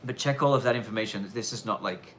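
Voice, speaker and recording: An Australian man in his thirties, his accent a mix of Australian and London with some Irish twang, casually responds to viewers on a live stream. The voice is fairly low and fairly bright, with a little hiss or hum in the audio. He tends to ramble and restart his sentences, correcting himself but making a point of speaking clearly.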